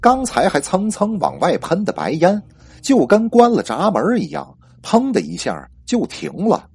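Husky male ghost-story narrator. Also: high voice, moderate pace, no echo. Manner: lively spoken storytelling.

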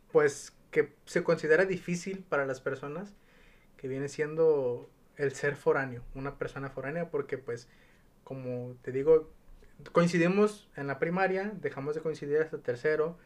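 A young man from Mexico with a Nayarit accent, hosting a casual podcast chat and asking relaxed questions. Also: a little high, moderate pace. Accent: Nayarit Mexican Spanish. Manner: relaxed, friendly questioning with fillers. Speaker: podcast host.

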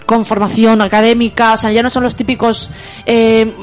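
A woman's voice: fairly high pitch, little pitch movement, normal speed, faint music behind. Emphatic young woman co-host. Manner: emphatic, many agreeing fillers. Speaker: podcast co-host. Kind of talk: casual film chat.

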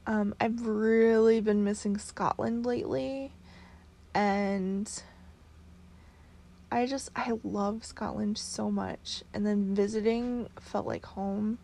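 A woman's voice: medium pitch, fairly even intonation, slow, vocal fry, dark tone, rough recording. A tired woman vlogger rambling casually, full of fillers and restarts. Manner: rambling, many fillers and restarts, talking in circles. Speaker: vlogger and podcaster.

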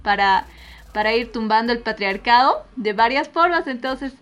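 A Bolivian woman hosting a relaxed talk show, reflecting at length and thanking her guest, with many fillers. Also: on the high side, normal speed, lo-fi sound. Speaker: host. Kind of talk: casual chat.

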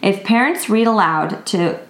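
A woman's voice: medium pitch, lively intonation, a little slow, reverberant, poor audio. A woman in her thirties co-hosting a casual parenting podcast, reading quotes aloud and laughing often. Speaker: podcast co-host. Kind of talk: casual chat.

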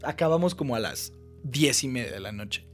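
A young man with a Mexican accent telling a story as a guest in a casual interview, animated and full of quick asides. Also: medium pitch, faint music behind. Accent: Mexican Spanish.

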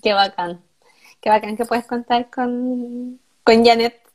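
A Chilean woman hosting a casual interview, quick to agree and encourage her guest. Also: fairly high pitch, steady tone, darkish tone. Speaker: interviewer, host.

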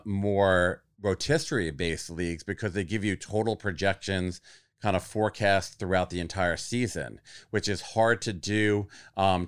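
A man appearing as a guest analyst, calmly explaining fantasy league strategy at length with examples. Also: low-pitched, clean tone, dry recording, clean studio sound. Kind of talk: casual explanatory chat.

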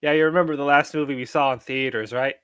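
A man's voice: medium pitch, steady tone, quick pace, fairly bright tone, smooth, dry recording. A man co-hosting a podcast, talking in an easygoing way with dry jokes. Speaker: podcast co-host. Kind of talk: casual chat.

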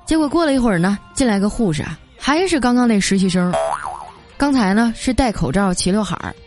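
A woman hosts a comedy story segment in a chatty, lively radio manner. Her voice sits in a middle pitch. Soft music plays faintly behind her. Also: fairly quick. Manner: chatty, lively, sprinkles filler particles.

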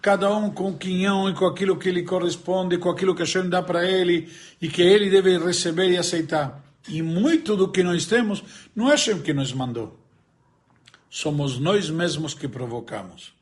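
A man giving a Torah lesson, telling stories and a joke, acting out the characters and pausing to search for words. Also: sits high. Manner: animated storyteller, voices characters, searches for words aloud. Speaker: religious teacher.

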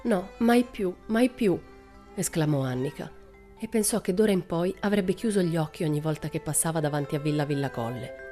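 A woman narrating a children's audiobook in a calm, expressive storytelling manner. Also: low voice, quick pace, soft background music.

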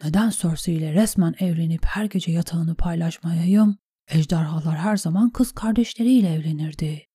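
Brief: woman reader doing a cynical, mocking knight in an audiobook, dark tone, dry sound. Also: on the low side, normal speed, breathy edge, dry recording. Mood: whispered scheming. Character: cynical noble male knight, sardonic.

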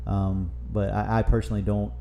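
A man's voice: lowish voice, level tone, fairly quick, vocal fry, dull audio, a little hiss or hum. A man co-hosting a casual sports podcast, speaking emphatically and often repeating himself.

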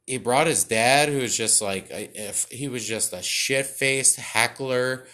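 A man's voice: medium pitch, measured pace, sharp tone. A young man doing a rambling, self-mocking comedy monologue read from cards, full of fillers, restarts and swearing. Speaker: stand-up comedian.

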